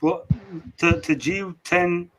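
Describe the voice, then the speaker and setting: A man hosting a casual podcast panel, needling his co-hosts and pressing the same point again and again. His voice sits a little higher than most men's. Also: slow, a bit bright, a little hiss or hum, poor audio. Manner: teasing, needling, insistent. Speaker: podcast host.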